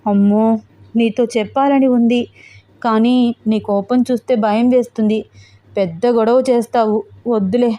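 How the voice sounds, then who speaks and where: A woman's voice: a little high, fairly even intonation, moderate pace, long pauses, mellow, dry recording, natural voice. A woman voicing a playful young woman who teases her fiancé with coy remarks. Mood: teasing. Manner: teasing, coy.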